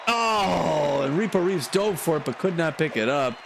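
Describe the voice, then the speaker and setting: A man's voice: fairly high pitch, expressive, normal speed, creaky, a crowd in the background. Guy calling a baseball game sim, chatty, roots for his team, bit of faint noise. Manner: chatty, cheering on his team, chuckling often. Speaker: commentator. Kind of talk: mock play-by-play of a simulated baseball game.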